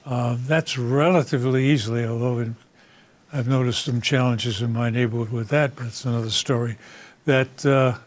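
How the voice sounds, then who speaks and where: Male interview host, mid-range voice, conversational and slightly halting, unscripted local talk show feel. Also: medium pitch, steady tone.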